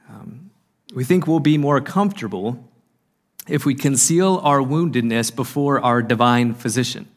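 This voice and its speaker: An earnest man giving a sermon at a marriage conference, slowing down to stress key lines. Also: mid-range voice. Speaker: conference speaker. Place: conference hall.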